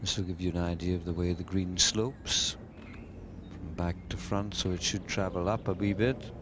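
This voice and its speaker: Low-voiced male golf commentator. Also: fairly even intonation, moderate pace. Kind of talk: live golf commentary, descriptive. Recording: noisy outdoor sports broadcast.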